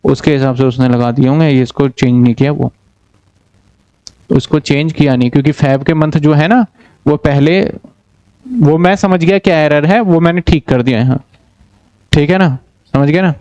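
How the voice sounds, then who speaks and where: A man's voice: fairly high pitch, normal speed, pauses often, mellow, dry recording, lo-fi sound. A man teaching a commerce class online, explaining step by step and often checking that students follow. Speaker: commerce tutor.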